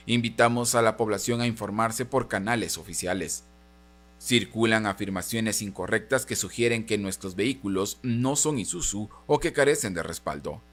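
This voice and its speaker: A man reading a scripted corporate statement as a spokesman, in a formal, measured manner. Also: on the low side.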